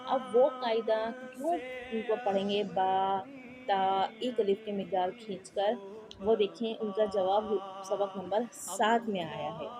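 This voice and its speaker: A woman teaching Quran reading in a patient, explanatory way. She repeats each point and keeps checking that her students follow. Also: medium pitch. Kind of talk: slow explanatory lesson with spelled-out drills.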